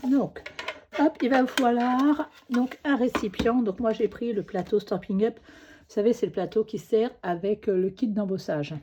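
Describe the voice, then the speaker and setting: Demonstrating a craft, a chatty woman with a cold coughs occasionally and sprinkles in "hop" and "euh" while working. She speaks at a measured pace in a slightly high, dark voice, with the highs cut off and slight background noise.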